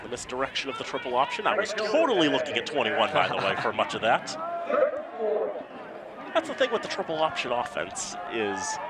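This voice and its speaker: A man doing live play-by-play American football commentary, with excited, drawn-out touchdown calls, in a noisy outdoor stadium. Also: medium pitch. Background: crowd and loud outdoor ambient noise.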